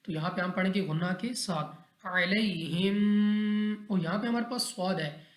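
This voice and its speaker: A man's voice: high-pitched, brisk. A man teaching Quran recitation rules step by step in a methodical, repetitive way, often checking in with his listeners. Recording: echoey roomy recording.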